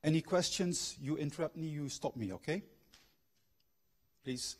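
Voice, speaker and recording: At a measured pace and in a slightly high voice, a middle-aged man delivers a public lecture in a university hall. Of Belgian origin and raised abroad, he once managed a factory and is a trained coach, and he draws in his audience with questions and personal anecdotes.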